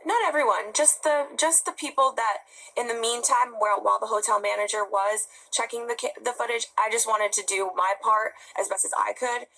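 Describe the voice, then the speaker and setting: Woman in her twenties, interview guest, gravelly and tense voice, halting and defensive. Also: on the high side, fairly even intonation, bright, forceful tone, poor audio. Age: 20s. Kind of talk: broadcast news interview.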